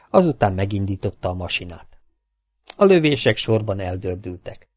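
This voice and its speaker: A Hungarian man narrates an audiobook in a steady, measured read. His voice is low, and the close, dry recording has almost no room sound. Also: no echo. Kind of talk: scripted narration.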